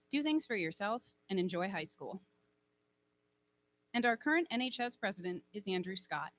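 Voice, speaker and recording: Lady advisor at a lectern mic reading out student bios, mid pitch, faint hum. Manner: formal, even reading. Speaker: honor society advisor. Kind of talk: reading officer bios aloud. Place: school ceremony hall. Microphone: speaking at a lectern microphone.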